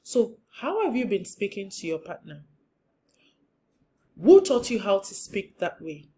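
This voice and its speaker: A woman's voice: mid-range voice, very animated, measured pace, warm tone. A woman marriage counselor giving an earnest, emphatic teaching talk, often repeating her points for stress.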